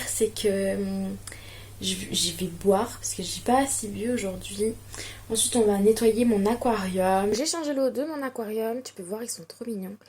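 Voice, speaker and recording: A woman's voice: medium pitch, breathy edge. A young woman from France chatting casually through a home vlog, self-mocking and full of fillers. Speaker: vlogger. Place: home, indoors.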